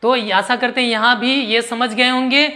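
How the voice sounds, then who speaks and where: A male Hindi grammar teacher explaining a lesson. He asks rhetorical questions, answers them himself, and repeats key terms slowly for emphasis. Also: very high-pitched, fairly even intonation, sharp tone, long reverb tail.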